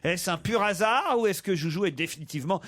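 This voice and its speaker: A man hosts a live radio talk show, playful and teasing. His voice sits fairly high. He sounds at ease with callers and guests. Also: expressive, fast talker, a bit bright. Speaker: radio host.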